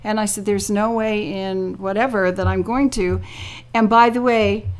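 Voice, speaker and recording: An older woman being interviewed, telling a personal story in a lively way, laughing often and acting out what others said. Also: medium pitch, moderate pace, smooth.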